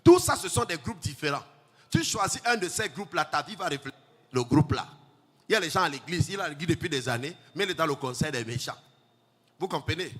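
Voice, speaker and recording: Male pastor, high lively chanted sermon voice, husky edge, long hall echo with faint music. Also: quick pace. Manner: chanting, sing-song preaching that swells to shouts. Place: church hall.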